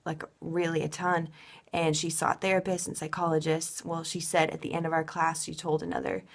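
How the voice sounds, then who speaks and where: A woman's voice: low voice, little pitch movement, normal speed. A woman dance teacher giving a heartfelt, casual personal update, earnest and full of ums.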